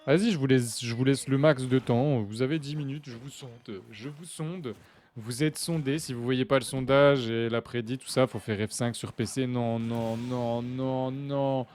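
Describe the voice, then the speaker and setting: A young man from France casually commentating a live fighting-game match, chatty and joking with his chat, with sudden bursts of excitement. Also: medium pitch, measured pace. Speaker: esports commentator and stream host.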